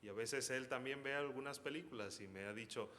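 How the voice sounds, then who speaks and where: A man's voice: mid-range voice, brisk, a bit bright, slight background noise. A man preaching a sermon, who tells stories and builds to fervent urgency. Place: church sanctuary. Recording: long hall reverb.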